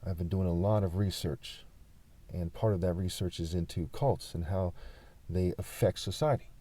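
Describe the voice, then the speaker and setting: A man from California talking insistently in an unscripted vlog monologue, pausing often with fillers. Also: deep voice, dark tone. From California, USA. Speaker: vlogger.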